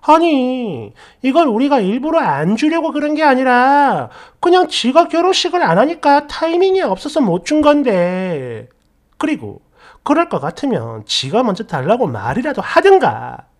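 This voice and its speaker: A woman narrator reading online posts and comments aloud in a lively, mocking manner. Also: sits high, normal speed. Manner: lively, mocking, laughs at the stories. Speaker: story channel narrator.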